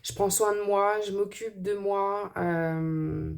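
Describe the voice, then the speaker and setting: A woman's voice: mid-range voice, steady tone, takes it slowly, vocal fry. A woman with a slight lisp on her s sounds, giving an informal card reading and thinking aloud in a hesitant way. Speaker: tarot and angel card reader.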